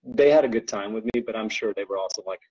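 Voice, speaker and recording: A man's voice: lowish voice, quick pace, a little mellow, breathy edge, muffled recording. A man chatting as a podcast guest, rambling with lots of ums and likes and frequent laughs. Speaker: guest co-owner describing an ultra race. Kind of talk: casual podcast chat.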